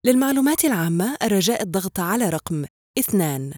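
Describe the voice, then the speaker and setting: A woman reading scripted phone menu prompts in a polite, formal, clearly enunciated way. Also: medium pitch, sing-song, fast talker, darkish tone, no room sound, studio quality. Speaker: phone system voice prompt announcer.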